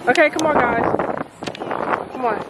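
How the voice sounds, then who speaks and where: A high-pitched woman talks breathlessly to her phone camera while walking outdoors. Her voice is chatty and laughing. Clear outdoor noise sits under the phone audio. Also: moderate pace. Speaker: vlogger. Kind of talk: casual vlog chat. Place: outdoors in a corn maze.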